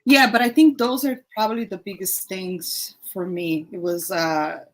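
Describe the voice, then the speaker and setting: A young woman from Brazil, a guest in a casual interview, chatty and laughing often, with halting restarts. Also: mid-range voice, fairly even intonation. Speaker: guest, YouTube creator.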